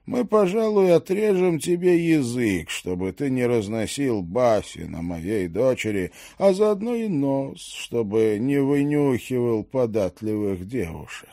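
A man voicing a stern middle-aged king who hands down sentences in a measured, menacing way, read as part of an audiobook. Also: mid-range voice, expressive, dark tone, dry recording, studio quality. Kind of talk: audiobook character reading.

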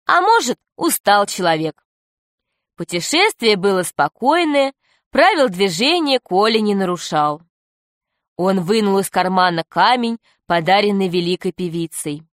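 A woman narrates a children's story for an audiobook. Her voice sits at a middle pitch, and she tells the story in a steady, clear way. The recording is close and dry. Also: unhurried, no room sound.

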